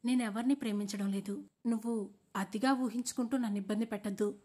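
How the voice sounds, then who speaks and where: A woman's voice: fairly high pitch, steady tone, a little fast, a little mellow, breathy edge. A woman voicing a young man calling off his engagement, hesitant but firm. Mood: tense. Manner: hesitant, firm under pressure.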